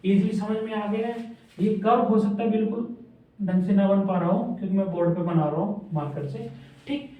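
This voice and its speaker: A man with a high voice teaches a shorthand lesson at a whiteboard, repeating each point and checking that students are following. Recorded on a camera's mic across the classroom, he sounds far off in a very echoey room, with the highs cut off.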